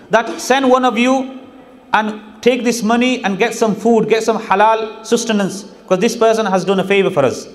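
A British man, a mufti, telling a story in a sermon and reciting verses in Arabic between his English lines. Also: high voice. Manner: quick Quran recitation in Arabic woven into English retelling. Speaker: mufti giving a lecture.

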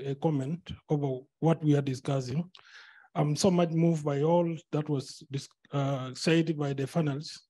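A man's voice: a little high, darkish tone. A man from South Sudan, an NGO director, making an earnest, emphatic comment from the floor of a conference hall into a handheld mic.

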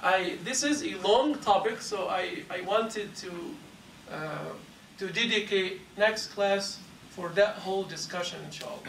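A man gives a class lecture in a large carpeted mosque hall, measured and explanatory as he takes questions. His voice is high and a bit bright, with vocal fry. He wears a lapel mic but is filmed by a far camera, so the recording sounds echoey and distant, with faint hiss.

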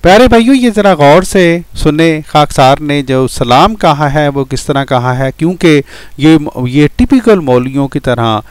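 A man's voice: a little high, few pauses, smooth, no echo. A man hosting a commentary video, addressing his viewers directly and mocking his opponent. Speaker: channel host. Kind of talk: commentary on played voice messages.

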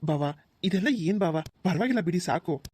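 A man's voice: sits high, animated, moderate pace, a little mellow, slightly rough. A man voicing a young groom in a cartoon who speaks earnestly and reassuringly to his brother-in-law.

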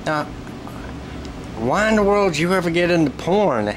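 A man interviewing a performer in a dressing room, asking drawn-out, joking questions. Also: sits high. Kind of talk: casual interview. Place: small dressing room, indoors. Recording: room audio with steady hum.

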